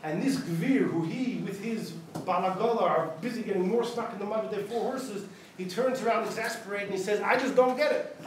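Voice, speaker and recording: Male rabbi, animated storyteller, high voice; distant, very echoey synagogue recording with background noise. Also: brisk, few pauses. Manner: animated storyteller, acts out quotes, Yiddish words mixed in. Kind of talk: storytelling talk at a gathering. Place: synagogue hall. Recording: very echoey hall, distant mic, noisy.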